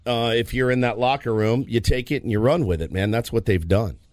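A man's voice: medium pitch, fairly quick, a little mellow, no echo, studio quality. A man with an American accent chatting casually as a co-host on a sports radio show. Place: radio studio.

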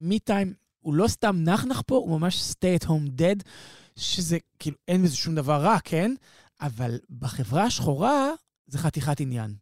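A man hosting a podcast in casual chat, relaxed and conversational with fillers. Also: fairly high pitch, no echo, clean studio sound. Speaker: podcast host.

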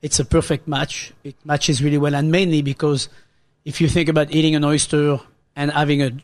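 French chef with a fairly high voice. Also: male voice, level tone, brisk. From France. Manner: restarts, explains cooking step by step. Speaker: chef and radio co-host. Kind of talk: casual radio chat.

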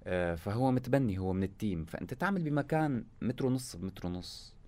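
A man with a low voice and a Syrian Arabic accent speaks as a musician being interviewed. He talks quickly and casually, telling things in short colloquial bursts. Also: lively intonation, mellow.

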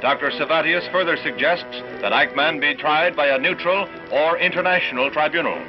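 A man's voice: a little high, normal speed. A man narrating an old newsreel in a dramatic announcer delivery, played from archive footage. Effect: old newsreel audio. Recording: lo-fi archive audio with music.

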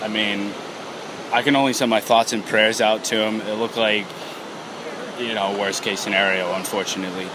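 A man's voice: fairly low pitch, fairly even intonation. Shaken man giving an eyewitness account, outdoor noise. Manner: shaken, halting. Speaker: eyewitness interviewee. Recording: noisy outdoor field recording.

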